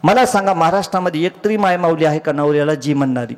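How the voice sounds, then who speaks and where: A man preaching a comedic devotional kirtan, telling lively stories and often calling out to the crowd. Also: a little high, racing. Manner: animated storytelling, acting out each character; often addresses the crowd as maharaj and baba.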